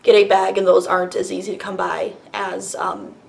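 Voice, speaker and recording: A woman's voice: mid-range voice, level tone, fast talker, vocal fry. A woman hosting a casual monologue vlog, a little out of breath after a workout, talking frankly and firmly with rambling asides. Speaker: host.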